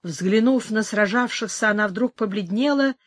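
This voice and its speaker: A woman narrating a romantic adventure novel in an audiobook, measured and expressive. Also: mid-range voice, no room sound, studio quality.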